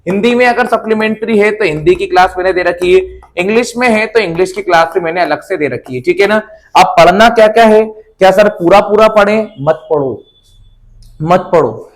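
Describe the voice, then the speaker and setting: Speaking briskly in a high voice, a man coaches students on preparing for exams. His tone is informal and comforting, and he frequently repeats points and asks "है ना" to check in.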